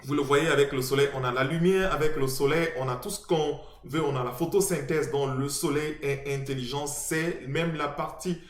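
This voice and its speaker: A man's voice: on the high side, fairly even intonation, moderate pace, hardly any pauses. Hesitant man teaching in an echoey room. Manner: hesitant, many restarts and fillers, spelling out letters. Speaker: teacher presenting a video lesson. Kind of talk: informal explanatory lesson to camera.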